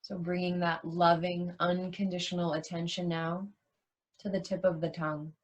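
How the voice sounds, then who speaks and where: A woman with a fairly low voice and flat delivery leads a yoga nidra meditation as its teacher. She sounds soothing and takes her time, leaving long pauses after short phrases.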